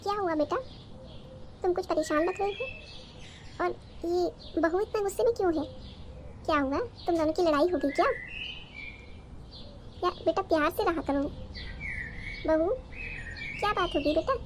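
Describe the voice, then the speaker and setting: Lady putting on a soft-spoken older mother-in-law in a cartoon, high voice, coaxing and sorry. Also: normal speed, pauses often, a little hiss or hum. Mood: concerned. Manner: coaxing, apologetic.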